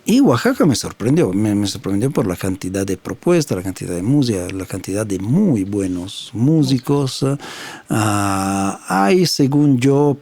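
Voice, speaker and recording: A man in his fifties with an Italian accent, a native Italian speaker, answering interview questions in a thoughtful, halting way with many fillers, recorded in a recording studio. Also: lowish voice, very animated, a little mellow. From Italy. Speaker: sound engineer and studio founder, guest.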